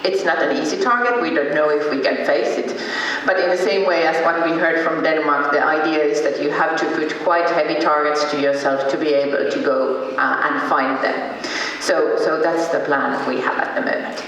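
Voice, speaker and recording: A man from Finland giving a conference presentation, pausing often with ums and uhs. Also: a little high, fairly even intonation, fairly bright tone, a little hiss or hum. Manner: hesitant, many ums and uhs. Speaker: conference speaker. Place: large conference hall. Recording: echoey hall, from far off.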